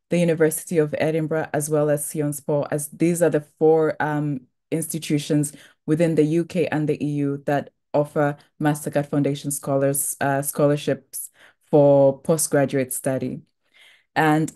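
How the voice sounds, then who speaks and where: A young woman from Tanzania presenting a scholarship program in a webinar, speaking in a measured way with frequent "um" and "uh" fillers. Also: low-pitched, mellow.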